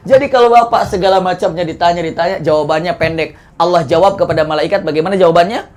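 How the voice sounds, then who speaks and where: Animated young preacher with a lilt. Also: male voice, fast talker. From Indonesia. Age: young adult. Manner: animated storyteller who acts out dialogue with swings in pitch and loudness. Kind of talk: sermon.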